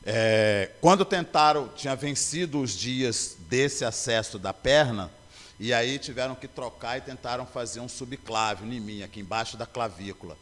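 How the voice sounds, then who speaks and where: A man's voice: medium pitch, normal speed, a bit bright. A man giving a personal testimony in church, telling his story earnestly and acting out the dialogue. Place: church sanctuary. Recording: long church hall reverb.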